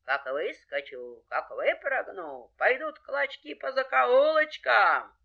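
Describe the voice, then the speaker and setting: A boastful, threatening fox snarls her warning slowly and deliberately, as a woman storyteller puts her on, each word stretched out. It is a storybook villain's voice, sly and full of bluster. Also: fairly high pitch, big pitch swings, creaky, dull audio, voice pushed up, heavily acted. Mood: menacing. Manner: slow, menacing, drawn out. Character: boastful, threatening vixen squatter.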